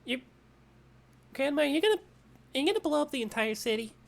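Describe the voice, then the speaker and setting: A woman voicing a sleepy, sarcastic young boy in an improvised game voice-over, speaking slowly and swearing freely. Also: high-pitched, very animated, vocal fry, crowd noise, pitched above the performer's own voice, heavily acted. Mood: exasperated. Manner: slow, sardonic, swears freely.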